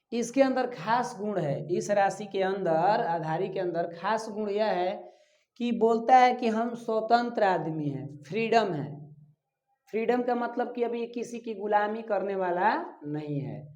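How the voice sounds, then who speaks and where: A man's voice: sits high, animated, measured pace, darkish tone. A male physics teacher, giving a classroom-style lecture and asking questions he then answers himself while repeating key terms. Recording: echoey room, dull lo-fi sound.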